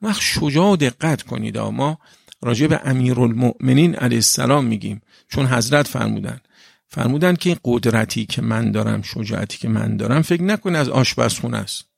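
A cleric with a mid-range voice and vocal fry preaches a religious sermon, recorded in studio quality with no room sound. He is emphatic and repetitive, often asking the audience "right?"

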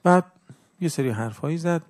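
A man preaching a religious sermon in an earnest, instructive way, with his loudness swinging up and down. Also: a little high, animated.

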